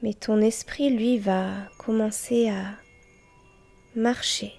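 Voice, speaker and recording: Short phrases and long silences mark this yoga nidra meditation, led by a woman who teaches and hosts guided sessions. She speaks in a steady, mid-range voice that is soft, breathy and near a whisper, gentle and in no hurry, while soft music with chimes plays underneath.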